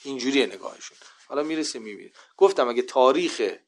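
A man teaching a religious class, reading out Arabic narrations and explaining them, with emphatic rises when he quotes. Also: medium pitch. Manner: lively storytelling, rising to loud emphasis when quoting. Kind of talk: religious lecture.

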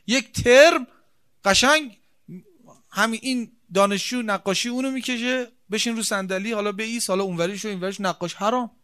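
A man preaching a religious sermon, emphatic, repeating key phrases and asking rhetorical questions, swinging between soft and forceful. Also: sits high.

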